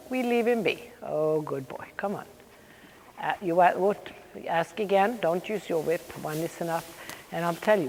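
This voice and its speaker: A woman riding instructor projects brisk commands across an echoing arena. She is directive, repeating short phrases and adding quick praise. Background noise runs under her mid-pitched voice. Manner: directive, interspersed with brief praise. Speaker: riding clinician coaching horse and rider.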